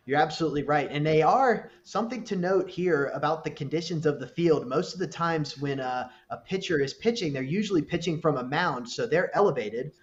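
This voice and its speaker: Measured male baseball commentator, dull remote audio. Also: a little high, expressive. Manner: measured, explanatory, many fillers. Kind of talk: live sports commentary.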